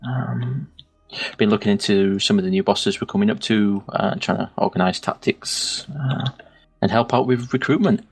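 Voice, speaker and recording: A man's voice: lowish voice, moderate pace, creaky, breathy edge. A man with a northern English accent co-hosting a casual gaming podcast, easygoing and a little hesitant, laughing at himself. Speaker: podcast co-host.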